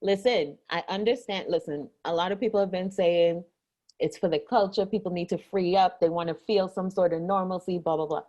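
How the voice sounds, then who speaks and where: A woman's voice: lowish voice, brisk, mellow. A woman from Guyana in a casual comedic rant with a friend, speaking emphatically and exasperatedly and repeating phrases for effect. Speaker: co-host of an online rant show. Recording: dull lo-fi audio.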